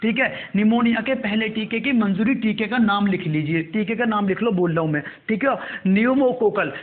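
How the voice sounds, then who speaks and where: Man, high voice, exam coaching teacher, repetitive dictation, tinny phone-like sound. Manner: repetitive, drills terms slowly for note-taking. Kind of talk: current affairs class dictation.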